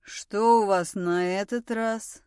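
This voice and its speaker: A woman voicing a weary, irritable male village policeman who speaks slowly and curtly. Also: medium pitch, level tone, a little mellow, clear, resonant tone, no room sound, clean studio sound, natural voice.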